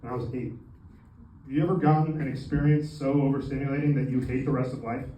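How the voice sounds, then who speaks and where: A man's voice: mid-range voice, fairly even intonation, quick pace. A young man doing a stand-up comedy set, with crude, mock-angry punchlines that escalate. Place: comedy club stage with audience laughing. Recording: echoey club, distant mic, noisy room.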